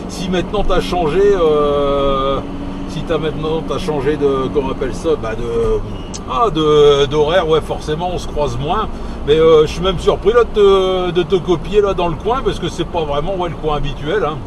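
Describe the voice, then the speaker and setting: An amateur CB radio operator chats casually over the radio while driving, his voice a little high and his pace moderate. He sounds hesitant and rambling, often repeating himself. The recording comes from inside the moving vehicle, full of engine and road noise.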